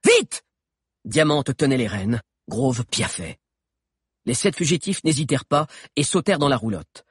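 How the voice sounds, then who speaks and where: A man narrating an adventure audiobook with an expressive, dramatic reading. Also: mid-range voice, moderate pace, husky, dry recording, studio quality. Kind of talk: scripted narration.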